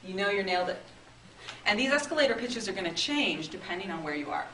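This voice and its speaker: A woman's voice: medium pitch, big pitch swings, quick pace, a bit bright. A woman leads a workshop in a chatty, upbeat way, often turning questions to the room. She sounds far from the mic. The room is echoey, and noise runs under her voice. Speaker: marketing workshop presenter. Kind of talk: interactive workshop talk. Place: meeting room with an audience.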